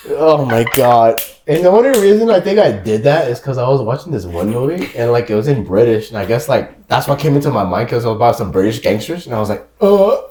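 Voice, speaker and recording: A man's voice: mid-range voice, expressive, fast talker, few pauses, mellow. A man guest on a podcast, telling a story in casual slangy chat and laughing along. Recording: echoey room.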